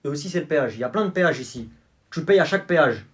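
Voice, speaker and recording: A young performer acting out comedy sketches in many roles, with quick street slang and blustering back-and-forth. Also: medium pitch, animated.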